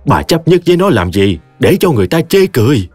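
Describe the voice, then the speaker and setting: A kindly older tea-seller man speaks mildly and calmly, as a male storyteller voices him. He talks at an everyday pitch with a lively lilt. The speech is soothing and unhurried, as in a storybook read aloud. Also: no room sound, faint music behind. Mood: gentle. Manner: mild, soothing.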